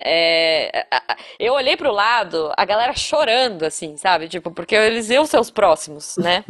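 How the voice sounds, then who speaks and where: A woman's voice: mid-range voice, normal speed. A woman from Brazil, a podcast co-host in casual chat, telling a story and acting out the people in it. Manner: animated storyteller, acts out shouted quotes.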